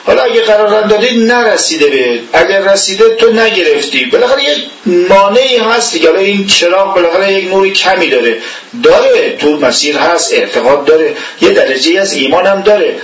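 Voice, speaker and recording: A man's voice: sits high, lively intonation, a bit bright, dull audio. Man teaching religion in an echoey room. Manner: conversational, with rhetorical questions and occasional chuckles. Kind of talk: informal religious lecture. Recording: echoey room, voice from far off the mic.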